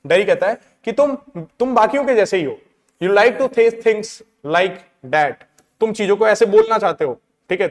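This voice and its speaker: A male teacher explains a play line by line, checking in often with his listeners. His voice is high for a man. The recording carries a long reverb, as in a large hall. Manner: explains each line and keeps checking in with "ठीक है". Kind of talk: line-by-line literature lesson.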